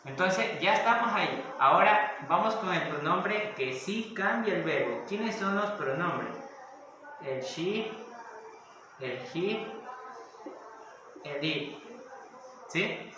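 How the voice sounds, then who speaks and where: A man's voice: high voice, animated, takes it slowly, long pauses. A man teaching a grammar lesson, explaining step by step and often checking in with questions. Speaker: English teacher. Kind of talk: recorded classroom lesson. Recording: echoey room with faint noise.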